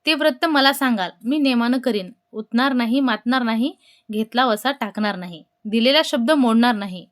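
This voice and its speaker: A woman's voice: on the high side, moderate pace, natural voice. A woman voicing a worried palace maidservant who questions and pleads in a devotional tale. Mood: pleading.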